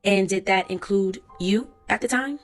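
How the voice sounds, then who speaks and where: A woman's voice: mid-range voice, moderate pace, lightly acted. A woman reading aloud a court transcript as the lines of a lawyer, who asks formal, methodical questions, with faint music behind her.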